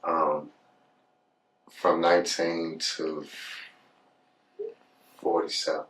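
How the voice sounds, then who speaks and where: Deep-voiced man, far from the mic. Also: completely flat delivery, drawn-out words, a bit bright, a little hiss or hum. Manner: repeats words when heated, frequent "you know what I'm saying". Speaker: podcast guest. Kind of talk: casual podcast storytelling.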